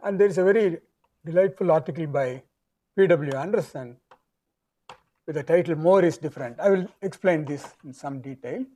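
A man with a South Indian accent giving an academic physics lecture in halting phrases with pauses. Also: on the high side, dark tone.

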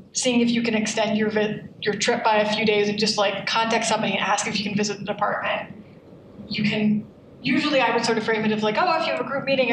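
A woman speaks on a panel, handing out casual career advice with many fillers. She sounds distant from the mic in a very echoey room, with a noisy background. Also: mid-range voice. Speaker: postdoc panelist.

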